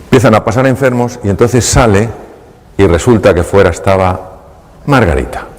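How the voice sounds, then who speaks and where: A man's voice: fairly low pitch, normal speed. A man with a Spain Spanish accent, a doctor giving a talk, telling a story animatedly and acting out the dialogue on a clip-on mic in a large hall. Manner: animated, laughing storyteller who acts out dialogue.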